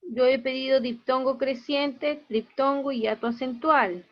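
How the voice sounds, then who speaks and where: A woman's voice: high voice, steady tone, unhurried, dull audio. A woman teaching an online class, going through her students' grades one by one and explaining each mark in a plain, matter-of-fact way.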